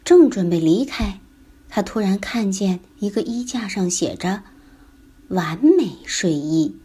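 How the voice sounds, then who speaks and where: Female children's storyteller, gentle bedtime narration, very unhurried, breathy husky tone. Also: medium pitch.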